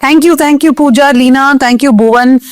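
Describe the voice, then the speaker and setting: A woman's voice: high-pitched, normal speed, dry recording. A woman with a South Indian English accent hosting a news discussion in an earnest, explanatory, conversational way. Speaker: host of a current affairs discussion show.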